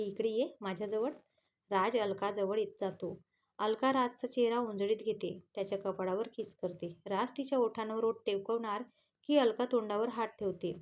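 A woman with a Marathi accent reading a romance story aloud, voicing every character's lines in her own voice between plain narration tags. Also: mid-range voice.

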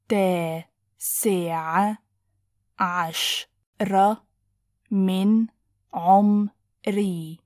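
A slow, deliberate woman teacher. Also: medium pitch, no echo, clean studio sound. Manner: clear, deliberate, splits phrases into single words. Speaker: language teacher. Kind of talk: slow word-by-word pronunciation drill.

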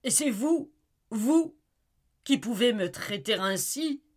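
A woman's voice: mid-range voice, expressive, moderate pace, slightly rough, pitched above the performer's own voice. A woman reading an audiobook, voicing a young wife who speaks in a broken, pleading voice.

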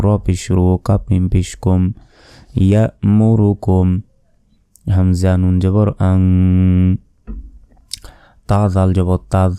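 A man teaching Quran reading, spelling out each letter and vowel mark, then reciting the verse slowly and drawn out. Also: low-pitched, mellow, clear, resonant tone, dry recording.

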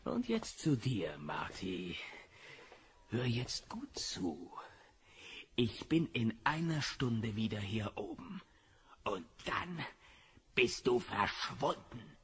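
A gravelly, raspy brute of a husband who sneers and threatens. He talks slowly, with a swooping, lively pitch, in a dramatized radio-play scene. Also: heavily acted. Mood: menacing whisper. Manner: sneering, menacing, mocking. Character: brutish bullying rich husband, middle-aged man. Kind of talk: audio drama acting.

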